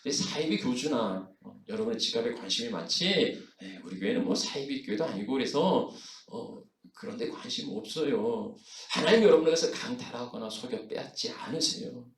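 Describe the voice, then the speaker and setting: A man's voice: medium pitch, lively intonation, normal speed, hardly any pauses, roomy sound, far from the mic. A man preaching a sermon as pastor, in a conversational way with frequent fillers and rhetorical questions. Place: church sanctuary.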